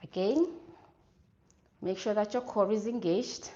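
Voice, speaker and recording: Slow-paced woman fitness coach, encouraging. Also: mid-range voice, dark tone, muffled recording. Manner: encouraging, urging with clipped repeated commands during exercise. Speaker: fitness instructor leading a workout class. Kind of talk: workout coaching, instructions and short motivational cues.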